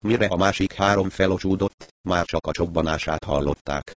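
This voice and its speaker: Deep-voiced male audiobook narrator. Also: slight background noise. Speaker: audiobook reader. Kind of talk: scripted narration.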